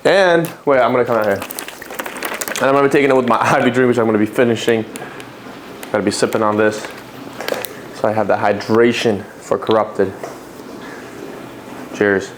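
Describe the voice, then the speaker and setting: A man's voice: fairly low pitch, moderate pace, pauses often, background noise. A man talking casually to camera as a fitness vlogger at home, rambling with fillers and self-corrections. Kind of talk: casual vlog chat.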